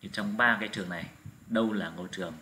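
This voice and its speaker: Deep-voiced male teacher drilling vocabulary. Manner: repeats each word slowly for pupils to echo. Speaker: English teacher. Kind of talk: slow vocabulary drill lesson. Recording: steady background noise.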